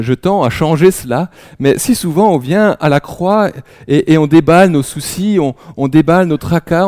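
A man raised in France preaching a sermon, telling stories in a conversational way and often dropping to a hushed near-whisper. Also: fairly high pitch, no room sound, clean studio sound. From France, raised in Alsace. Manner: many restarts, conversational storytelling.

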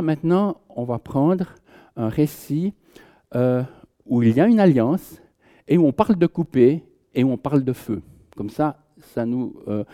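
A man teaching scripture to a small gathering in a loose, conversational way. His voice is very dark and mellow. He jokes with the listeners and often stumbles and restarts as he explains. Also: mid-range voice. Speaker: preacher. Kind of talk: informal Bible teaching.

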